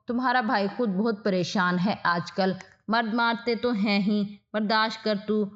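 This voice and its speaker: A woman's voice: mid-range voice, steady tone, lightly acted. A woman voicing a dismissive sister-in-law in a spoken story, with mocking lines. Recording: dull lo-fi audio.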